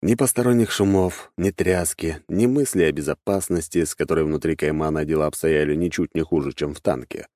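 A male audiobook narrator with a very deep, dark voice, telling the story in a measured and wry way. The sound is close and dry, with no room around it. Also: no room sound.

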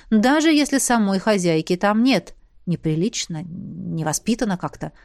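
A woman narrating a novel in the first person, with a measured reading and a hush for whispered lines. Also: mid-range voice, no echo, clean studio sound. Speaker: audiobook narrator.

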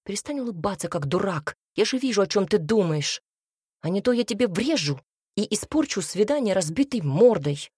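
A woman's voice: lowish voice, a little slow, a little mellow, breathy edge, dry recording, clean studio sound. A woman voicing an irritated young man who is urgently plotting an escape, in an audiobook reading. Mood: annoyed. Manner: curt, urgent, conspiratorial.

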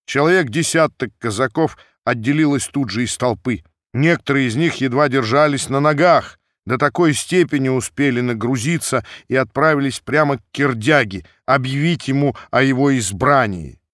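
A man narrating classic prose for an audiobook with an expressive delivery. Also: mid-range voice, normal speed, dry recording, clean studio sound.

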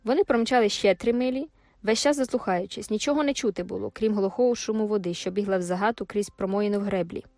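A woman narrating an audiobook in a measured storytelling manner. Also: mid-range voice, a little mellow, no room sound. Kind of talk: scripted narration.

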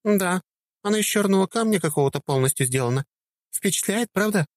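A man voicing a cheerful young woman student in an audiobook, lifting his voice high and lively. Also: fairly quick, dry recording, clean studio sound.

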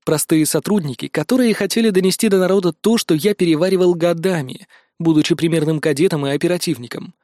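Man reading a first-person thriller, dramatic, slightly high voice, dry close mic. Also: fast talker, few pauses, a little mellow, dry recording. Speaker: audiobook narrator. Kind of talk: first-person fiction narration.

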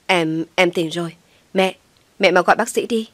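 A woman's voice: on the low side, normal speed, a bit bright, no room sound, natural voice. A woman voicing an anxious young husband who speaks in an urgent, pressing way. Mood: worried.

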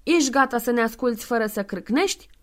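A woman's voice: fairly high pitch, animated, lightly acted. A woman voicing a brusque male caretaker who speaks in a strong, commanding voice.

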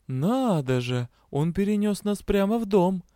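A man voicing a furious, fearless young female vampire who shouts and threatens. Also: high voice, normal speed, clear, resonant tone, no room sound, studio quality, pitched above the performer's own voice, natural voice. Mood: annoyed.

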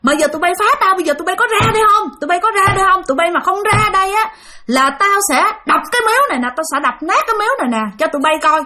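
A woman voicing a hot-tempered fisherman father who shouts and scolds. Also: extremely high pitch, expressive, racing, a little hiss or hum, voice pushed up, exaggerated voice. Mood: furious.

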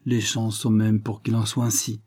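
A man reading aloud, voicing a calm, self-possessed young male lawyer who speaks firmly but with good humour, in a storybook reading. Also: on the low side, moderate pace, lightly acted. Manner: firm, evasive, good-humoured.

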